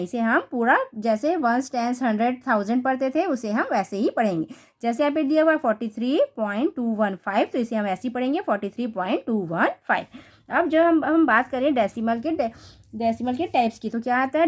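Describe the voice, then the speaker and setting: A woman math teacher, explaining a lesson and answering her own questions. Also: sits high. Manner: reads English definitions slowly, then explains with repeated rhetorical questions.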